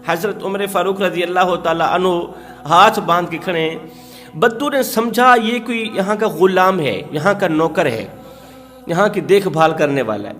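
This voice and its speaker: A man's voice: high voice, fairly bright tone. A man preaching an emotional storytelling sermon, impassioned and repeating phrases for emphasis. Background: faint music.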